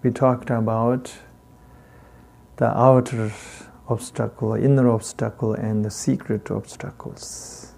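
A native Tibetan speaker with a strong accent, this male teacher delivers a Buddhist dharma talk in slow, halting phrases broken by long pauses. His mid-range voice stays fairly flat in pitch and sounds gravelly yet slightly mellow.

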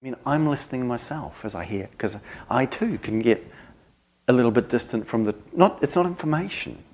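A man gives a reflective talk to a group in a medium-pitched voice. He is earnest and grave, measuring out his words in short, halting phrases. He leaves pauses between thoughts, as a Dharma teacher would. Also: a little mellow.

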